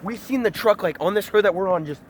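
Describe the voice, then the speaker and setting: A man casually telling a scary story to friends while walking outdoors through a neighborhood, rambling and animated. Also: sits high, fast, a little hiss or hum.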